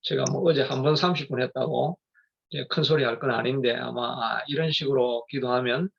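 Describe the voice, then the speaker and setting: A man's voice: medium pitch, fairly even intonation, brisk, vocal fry, slightly rough, lo-fi sound. A middle-aged male pastor giving a rambling, conversational sermon with many fillers and restarts.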